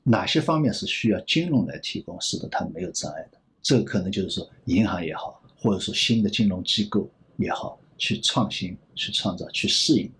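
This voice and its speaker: 一位男性银行业专家在访谈中回答问题，说话边想边讲，常重复词句。. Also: male voice, on the low side, animated, a little fast, a bit bright. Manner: rambling, repeats phrases while reasoning aloud. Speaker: banking expert guest. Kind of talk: thoughtful interview answers.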